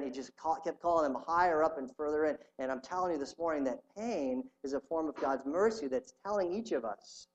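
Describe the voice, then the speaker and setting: A man's voice: mid-range voice, poor audio. A man preaching a sermon, earnestly reading a story aloud to his congregation. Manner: reads a story aloud with rising intensity, earnest. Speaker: pastor.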